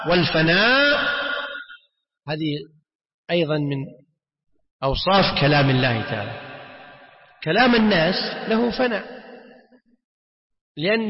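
High-voiced teacher in echoey hall. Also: male voice. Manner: explains by repeating words and asking the class rhetorical questions. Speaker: Islamic scholar teaching. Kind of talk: religious lesson explaining a text. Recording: echoey hall, muffled lo-fi sound.

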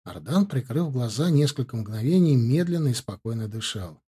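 Male narrator, mid pitch, mellow and slightly breathy, steady novel reading. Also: moderate pace. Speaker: audiobook narrator. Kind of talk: scripted narration.

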